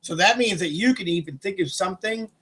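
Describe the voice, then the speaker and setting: A man's voice: high voice, a little fast, a bit bright. A man vlogging a profane, rambling political rant, agitated and swearing. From United States.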